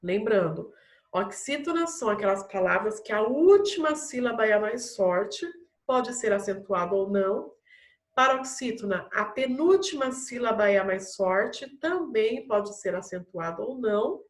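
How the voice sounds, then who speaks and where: A woman's voice: mid-range voice, expressive, a little slow, echoey room. A woman primary school teacher with a Brazilian Portuguese accent, giving a recorded online class and patiently explaining each task step by step to young pupils. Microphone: camera mic.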